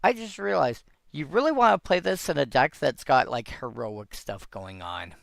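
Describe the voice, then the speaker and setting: A man's voice: mid-range voice, lively intonation, moderate pace, gravelly, a bit bright, no echo, clean studio sound. A man hosting a casual solo commentary on old game cards, thinking aloud and rambling with frequent restarts.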